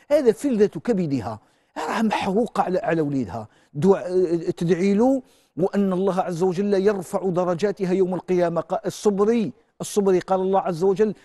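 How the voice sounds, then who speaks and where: Fast-talking Algerian sheikh, fairly high voice. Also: male voice, dark tone, no room sound, studio quality. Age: middle-aged. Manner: emphatic, repeats phrases. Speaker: sheikh answering callers. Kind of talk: religious counsel. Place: TV studio. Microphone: lapel mic.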